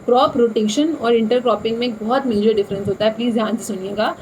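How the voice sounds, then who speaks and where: A woman's voice: on the high side, quick pace, background noise. A young woman teaching an exam revision lesson, explaining in a talky way and repeating key points, mixing Hindi with English terms.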